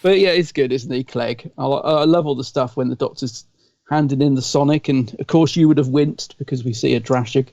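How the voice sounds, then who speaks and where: A man's voice: medium pitch, brisk, darkish tone, no echo. Chatty man, slightly dull dry sound. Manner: enthusiastic, chatty, lots of fillers. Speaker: podcast co-host. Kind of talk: casual chat.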